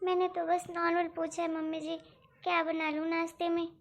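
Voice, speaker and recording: Woman voicing a gentle, dutiful young daughter-in-law. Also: very high-pitched, steady tone, normal speed. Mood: worried. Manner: polite, soft-spoken, anxious to please. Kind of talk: cartoon story voice acting.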